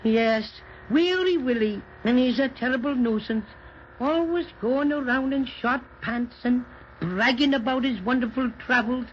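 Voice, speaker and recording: A performer voicing a cheerful, protective little cinnamon teddy bear who reassures the children and is bossy toward the stork, in a 1930s radio drama. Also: female voice, high voice, a little slow, a little hiss or hum. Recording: dull old 1930s radio transcription.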